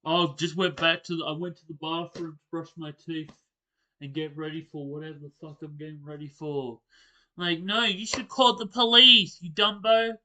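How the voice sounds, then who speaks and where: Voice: medium pitch, flat delivery, normal speed, bright, forceful tone. A reaction host giving casual commentary on a horror story, blunt and exclamatory, with frequent swearing.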